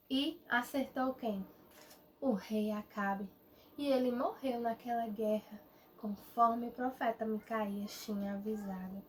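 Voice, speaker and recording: A woman's voice: a little high, slight background noise. A young adult woman teaching a children's Bible lesson, telling the story animatedly and speaking straight to the kids. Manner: animated, addresses children directly. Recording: voice a bit far from the mic.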